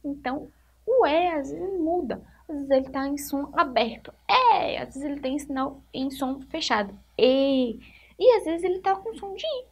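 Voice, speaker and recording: High, lively teacher coaxing children. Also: female voice, creaky. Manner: coaxing, asks questions and answers them herself; stretches out words slowly to spell syllables. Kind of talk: children's literacy lesson.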